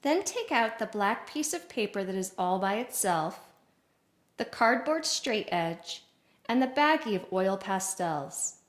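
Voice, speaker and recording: A woman teaching an art lesson to young children on video, playful and clear with sing-song greetings. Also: medium pitch, sing-song, unhurried.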